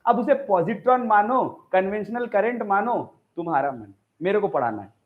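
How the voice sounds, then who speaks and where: High-voiced man lecturing over tinny audio. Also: lively intonation, normal speed. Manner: chatty, joking, quizzes the class. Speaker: teacher. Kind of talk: live classroom physics lecture. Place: classroom. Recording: tinny phone-like sound.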